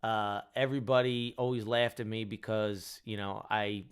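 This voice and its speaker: Speaking smoothly at a moderate pace in a lowish voice with little pitch movement, this tired young rideshare driver hosts a live chat for his viewers. His Delco accent, from Delaware County, Pennsylvania, colors a rambling, joking, self-deprecating conversation.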